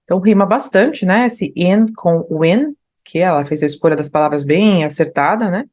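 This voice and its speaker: A woman's voice: lowish voice, lively intonation, darkish tone. Brazilian woman teaching English. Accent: Brazilian Portuguese. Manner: explanatory, tags phrases with "né?"; slows down to read lyrics aloud. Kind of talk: online language lesson.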